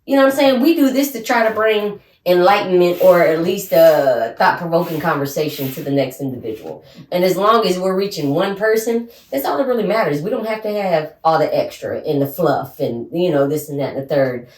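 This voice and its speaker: Animated blunt woman in her forties. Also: fairly low pitch, a little fast. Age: 40s. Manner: laughs often, blunt and animated. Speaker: podcast co-host. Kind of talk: casual chat. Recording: roomy sound from a distant mic.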